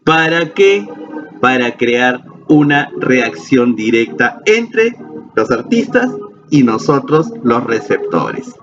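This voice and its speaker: A man's voice: medium pitch, big pitch swings, takes it slowly, over music. A Peruvian man teaching a lesson in a playful style, asking questions and answering them himself. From Peru. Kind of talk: classroom lecture video. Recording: slightly dull lo-fi sound with faint ambience.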